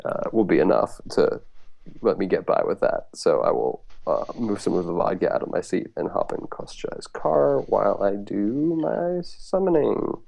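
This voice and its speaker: Low, gravelly man rambling at a game. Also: animated, moderate pace, mellow. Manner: rambling and self-deprecating, many fillers and laughs. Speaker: player. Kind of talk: casual tabletop game chat.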